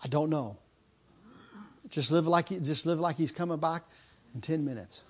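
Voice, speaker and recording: High-voiced preaching man in his fifties. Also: moderate pace, husky. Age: 50s. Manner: impassioned preaching with repeated phrases and restarts. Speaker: pastor. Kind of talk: sermon.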